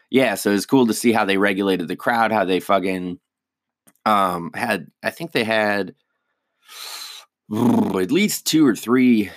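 Rambling, profane young-sounding comic, low voice. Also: male voice, no room sound, studio quality. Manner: rambling, profane, self-deprecating. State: hiccups. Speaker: stand-up comedian. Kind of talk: casual solo podcast chat.

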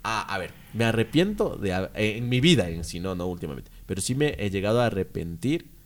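A young man, co-hosting a podcast in casual chat, slangy and quick to swear. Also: on the low side. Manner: animated, slangy, swears freely. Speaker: podcast co-host.

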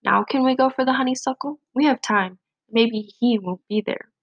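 A woman's voice: on the high side, moderate pace, no echo, dull audio. A woman reading a storybook aloud, voicing a small, timid but eager boy mouse with a pleading manner. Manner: pleading, hopeful.

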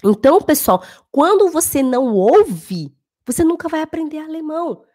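A woman's voice: high-pitched, very animated, moderate pace, darkish tone. A woman, a German teacher talking casually to camera, emphatic and repeating phrases for stress.

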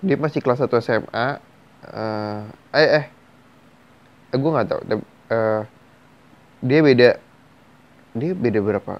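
A man's voice: mid-range voice, unhurried, pauses often. Blunt man giving casual advice. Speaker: host reading and answering viewers' stories. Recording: slightly dull lo-fi recording.

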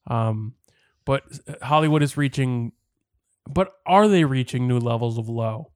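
A man's voice: mid-range voice, unhurried, smooth, dry recording, studio quality. A man co-hosting a casual podcast chat, wry and dismissive as he talks about movies. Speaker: podcast co-host.

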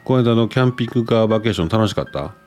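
A man's voice: lowish voice, racing, a little mellow, faint music behind. A man, in his thirties, hosting a casual radio-style talk show and reading listener letters aloud in a chatty, rambling way. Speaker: podcast host.

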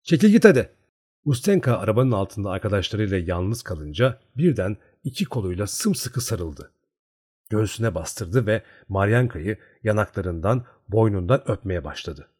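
A man narrating a novel aloud in an expressive, measured storytelling manner. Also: fairly low pitch, breathy edge. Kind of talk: audiobook story reading.

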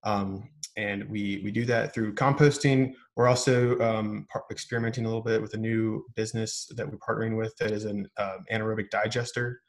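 Lowish flat-toned guy on a podcast, explains stuff, lots of ums. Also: a little fast, few pauses. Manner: steady, explanatory, frequent ums. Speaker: podcast guest, business owner. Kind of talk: casual interview talk.

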